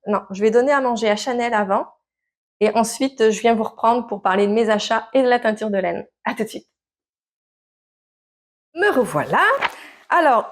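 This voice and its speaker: A woman chatting casually to camera as a knitting podcaster, hesitant and full of filler sounds. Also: mid-range voice.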